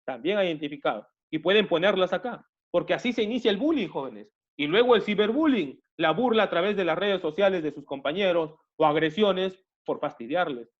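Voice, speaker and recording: Speaking fairly quickly with hardly any pauses, a man from Peru teaches an online class, repeating himself, restarting a lot, and frequently addressing his students as "jóvenes," or young people. He has a high voice with lively intonation, captured in lo-fi sound.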